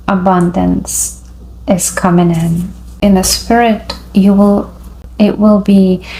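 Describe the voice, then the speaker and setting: A woman giving an intuitive tarot reading, speaking in a halting, dreamy way with frequent pauses. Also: mid-range voice, creaky, darkish tone, slight background noise, poor audio. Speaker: tarot reader.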